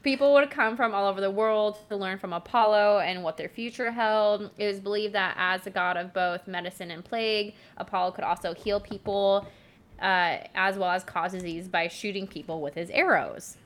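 A woman's voice: mid-range voice, steady tone, moderate pace. Giggly woman retelling a myth casually. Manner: giggly, chatty retelling of myths. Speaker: podcast co-host. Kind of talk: casual storytelling chat.

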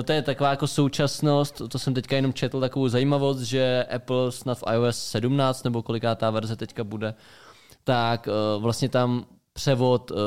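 A young man co-hosting a casual tech podcast, relaxed and chatty, trailing off into fillers and restarts. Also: medium pitch, clear, resonant tone. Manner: relaxed, many fillers and restarts, quick reactions. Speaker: podcast co-host.

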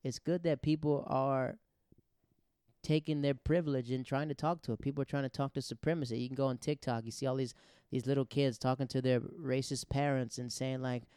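A man who grew up abroad in the Netherlands and Japan hosts a show, giving a casual personal monologue on social issues and often acting out the remarks he quotes. His mid-range voice is steady, warm, clear and resonant, a little fast, with no echo and studio quality.

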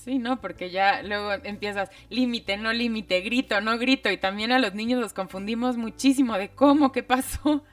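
A woman's voice: a little high, moderate pace, hardly any pauses, far from the mic. A woman co-hosting a parenting conversation, chiming in with agreement and short points of her own. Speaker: parenting podcast co-host. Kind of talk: casual conversation.

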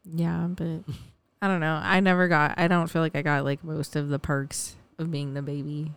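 A woman's voice: deep voice, level tone, moderate pace, clean tone. A young adult woman co-hosting a podcast in laid-back, informal, slangy chat. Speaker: podcast co-host. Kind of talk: casual chat.

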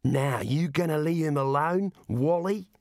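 A man plays a tough dwarf who drops blunt, deadpan lines slowly. He sounds completely unbothered. The sound is dry. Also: fairly high pitch, no room sound, voice pushed up. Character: tough, unflappable male dwarf.

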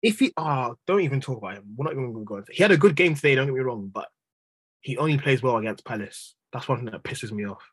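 A young man with an urban London accent full of street slang rants in exasperation through casual football banter, talking fast with lively intonation and a breathy edge at a medium pitch. He's a Chelsea-supporting panellist on a football podcast, and the recording is dry.

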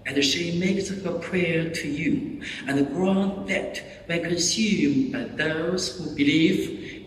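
A man's voice: a little high, slight background noise. A man leading Mass as a priest, solemnly praying and chanting the liturgy, his voice carried in a cathedral echo. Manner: solemn, measured intoning. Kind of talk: liturgical prayer and sung chant. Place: large reverberant church. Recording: echoey large church, distant mic.

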